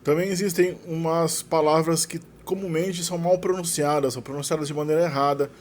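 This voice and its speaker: A man with a Brazilian Portuguese accent teaching a recorded lesson, explaining slowly and deliberately and repeating each example word. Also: a little high, steady tone, slight background noise. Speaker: language teacher.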